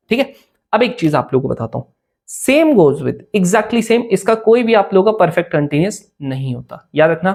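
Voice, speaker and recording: A man's voice: fairly high pitch, a little mellow. A young man teaching English grammar for an exam in casual Hindi mixed with English, often checking whether students follow. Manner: chatty, asks students "clear?" often. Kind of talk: informal Hindi-English lesson.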